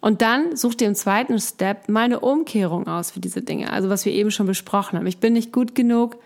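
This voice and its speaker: An encouraging woman speaks directly to her listener in a casual motivational talk. Her voice sits at a middle pitch for a woman. She is chatty and coach-like and often breaks off to restart a phrase. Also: brisk, gravelly.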